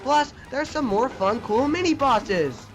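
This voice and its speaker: A man's voice: extremely high pitch, animated, a little slow, faint music behind. A young man narrating a scripted video game review, enthusiastic and jokey with mild swearing. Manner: enthusiastic, jokey, mildly profane.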